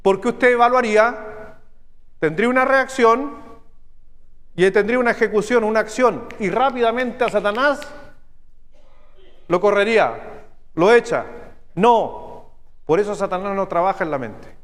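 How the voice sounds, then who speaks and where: A man with a Chilean accent preaching a sermon as pastor, teaching step by step and checking in with his listeners through quick questions. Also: high voice, fairly bright tone, long reverb tail. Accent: Chilean Spanish. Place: church sanctuary.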